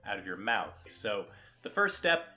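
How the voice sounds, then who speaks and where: A man's voice: on the low side, big pitch swings, measured pace, bright, forceful tone, faint music behind. A man giving casual step-by-step instruction as a technique coach.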